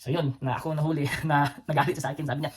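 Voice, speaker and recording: A man's voice: a little high, flat delivery, very fast, breathy edge. A man from the Philippines with a Cebuano accent, hosting a casual storytelling vlog. He rambles, with many fillers and restarts, and chuckles between phrases. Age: adult, former soldier with children. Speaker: vlog host.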